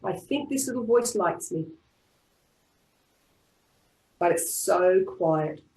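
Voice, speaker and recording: A woman with an Australian accent leading a live online group tapping class, speaking in calm, repeated affirmation-style phrases. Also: on the low side, takes it slowly. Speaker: EFT tapping practitioner. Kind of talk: guided group tapping session. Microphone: online video call. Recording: roomy echo.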